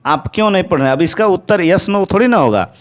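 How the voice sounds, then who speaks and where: Male English teacher, slightly high and very clear voice, explains step by step and slows right down to dictate examples. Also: lively intonation. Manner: explains step by step, asks and answers his own questions. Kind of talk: spoken English grammar lesson.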